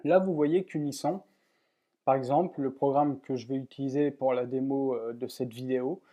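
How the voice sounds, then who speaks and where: A man's voice: medium pitch, steady tone, normal speed, warm tone, dull audio. A man walking viewers through a computer program step by step in a plain, methodical screen-recorded tutorial, with many fillers. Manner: plain, methodical explaining with frequent "voilà" and fillers. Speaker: software tutorial presenter.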